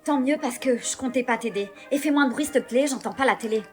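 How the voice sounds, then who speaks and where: A synthetic woman's text-to-speech voice reading skit dialogue in a brisk, machine-like delivery. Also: sits high, darkish tone, soft background music.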